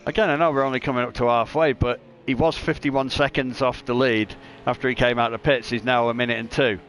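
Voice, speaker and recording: A man's voice: medium pitch, fairly even intonation, fast talker, fairly bright tone, a little hiss or hum. Chatty male sim-racing commentator. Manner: chatty, jokey, reads lap times aloud. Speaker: race commentator.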